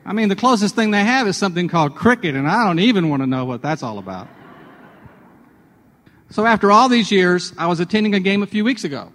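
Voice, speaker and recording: A man's voice: fairly high pitch, a bit bright. Chatty man in a reverberant hall. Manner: chatty, self-deprecating, with restarts. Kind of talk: conversational devotional storytelling.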